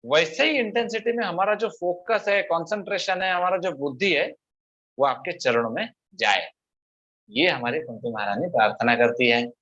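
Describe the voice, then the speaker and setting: Fairly high-voiced male preacher. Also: normal speed, sharp tone. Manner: explanatory, with frequent rhetorical questions. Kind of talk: scripture discourse. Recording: dull lo-fi recording.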